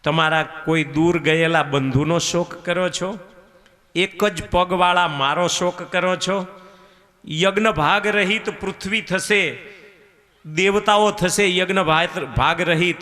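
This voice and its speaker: A man's voice: high voice, takes it slowly, bright, forceful tone, heavily acted. A man voicing a lame male bull that grieves and pleads, asking question after question in an echoing hall with faint music. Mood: sorrowful questioning. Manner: long chain of sorrowful questions.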